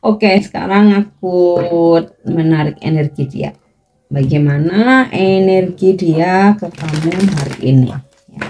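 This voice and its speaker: A woman giving a casual tarot reading, chatty and easygoing, with drawn-out fillers and light laughs. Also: lowish voice, mellow, a little hiss or hum. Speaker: tarot reader.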